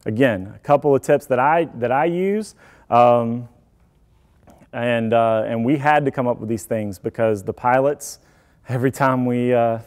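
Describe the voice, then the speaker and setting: Male presenter, casual tech talk, warm mellow tone, easygoing and joking with the room. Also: on the low side. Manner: chatty, self-deprecating, joking asides. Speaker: IT security presenter.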